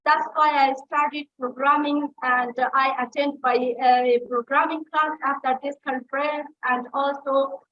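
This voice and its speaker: A woman's voice: high voice, steady tone, unhurried, few pauses, muffled recording. A young woman, a program participant, giving a hesitant testimonial speech over a video call with many fillers.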